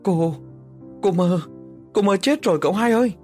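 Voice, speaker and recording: A terrified young servant stammers out terrible news, played by a male storyteller. His voice climbs high and trembles. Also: very animated, normal speed, soft background music. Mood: panicked. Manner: stammering, breathless.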